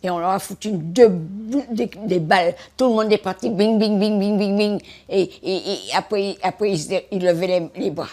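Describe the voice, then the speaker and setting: A gravelly, dark, mid-range voice belongs to a 100-year-old French Guianese woman, once a war veteran and then a teacher, telling an interviewer about the war. Her delivery is halting and repetitive as she stammers over words, yet emphatic, punctuated by sound effects and defiant exclamations.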